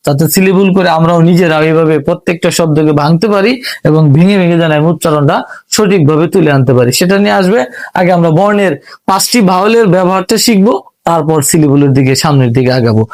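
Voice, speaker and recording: Male Bangladeshi teacher, high pitch, patient step-by-step delivery with lots of repetition. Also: a little mellow. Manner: patient, repeats and spells out syllables slowly. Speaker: English reading teacher. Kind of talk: step-by-step spoken lesson.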